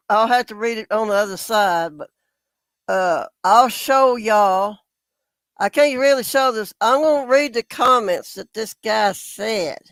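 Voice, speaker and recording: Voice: mid-range voice, fairly bright tone, no echo. A YouTube commentator talking casually and indignantly to viewers, reading out comments and calling them ridiculous. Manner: indignant, exasperated, repeatedly addresses viewers as folks.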